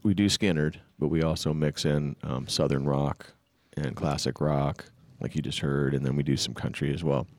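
A man's voice: extremely low pitch, steady tone, normal speed, few pauses, a little mellow, no room sound. A man in his fifties, a musician and band leader, talking in an easygoing, plainspoken way in casual podcast chat. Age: 50s.

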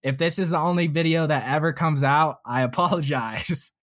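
A man's voice: on the high side, normal speed, a bit bright. A young man with a slight lisp hosting a casual gaming podcast, chatting loosely with lots of fillers. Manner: laid-back, filler-heavy, laughs often. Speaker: podcast host.

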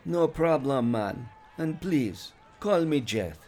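An actor playing an earnest, laid-back fringe free thinker in a comic radio interview. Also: male voice, mid-range voice, animated, slow, darkish tone. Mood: earnest, easygoing.

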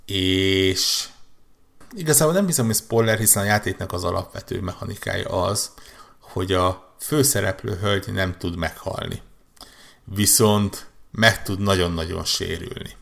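Deep and gravelly yet fairly bright, this man's voice carries a laid-back gaming conversation on a podcast he co-hosts. He rambles, restarting often and repeating words.

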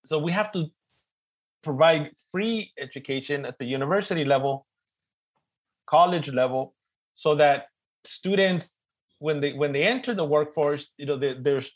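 A middle-aged man from East Los Angeles, United States, with a Chicano accent and a fairly high pitch. As a panel moderator, he runs a webinar informally, joking, animated, and often repeating words.

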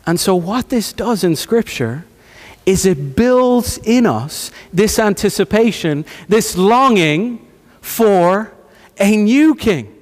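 High-voiced preacher in a reverberant hall. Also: male voice, lively intonation, slow pace. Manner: swings from hushed to near-shouting for emphasis; repeats phrases and asks rhetorical questions. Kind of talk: sermon.

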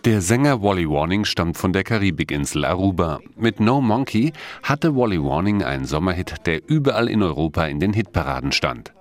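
Deep-voiced male radio narrator. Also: sing-song, fairly quick, soft background music. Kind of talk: scripted narration.

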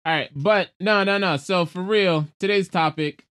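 A man's voice: high voice, normal speed, fairly bright tone, smooth. A man co-hosting a podcast in natural, unscripted casual talk, with loose, informal phrasing. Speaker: podcast co-host.

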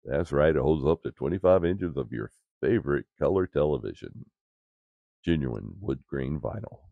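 A man's voice: very deep voice, expressive, normal speed, vocal fry, no echo, phone-quality sound. A man chatting casually as a talk show co-host in a droll, tongue-in-cheek manner. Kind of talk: casual chat.

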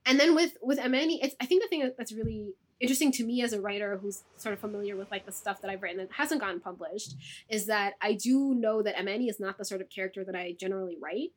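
A woman's voice: medium pitch, quick pace. A young woman author of Moroccan family, raised abroad, chatting in an interview over a video call and tagging her thoughts with "like" and "right?". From Moroccan family, raised in diaspora. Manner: chatty, many "like" and "right?" tags. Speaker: author guest. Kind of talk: casual interview chat.

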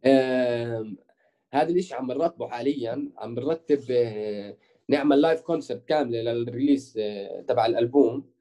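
Speaking briskly in a mid-range, dark-toned voice, a young musician with a Jordanian-Palestinian Levantine Arabic accent chats casually in an interview, dropping English words into his speech.

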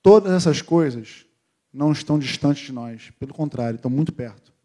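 A middle-aged man preaching a sermon, telling a family story with lively storytelling and acting out the voices of his family. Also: on the high side, brisk.

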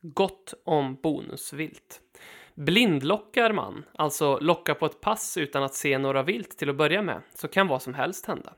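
A man reading his own hunting trip article aloud in a steady, matter-of-fact way. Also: on the high side. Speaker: hunting writer narrating his trip report.

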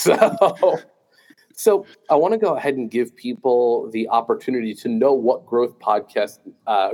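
A man's voice: mid-range voice, a little mellow. A man with a New Jersey accent hosting a podcast interview, talking casually and chattily, joking about himself. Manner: chatty, self-joking, loose with fillers. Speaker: podcast host.

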